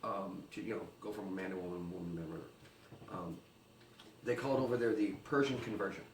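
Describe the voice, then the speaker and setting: A man co-hosting a comedy news segment, delivering crude jokes in a dry deadpan. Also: low-pitched, fast, roomy sound, far from the mic, slight background noise, poor audio.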